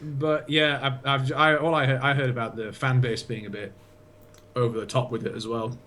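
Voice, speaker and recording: A man co-hosting a casual gaming podcast, easygoing and quick to laugh. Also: medium pitch, flat delivery, fairly bright tone. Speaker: podcast co-host. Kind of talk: casual chat.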